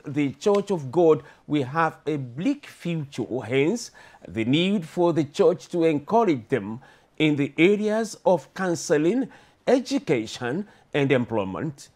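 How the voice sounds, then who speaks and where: A man's voice: a little high, slow pace. A man reading the news formally as a studio anchor. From Nigeria. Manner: formal, lively newsreader delivery.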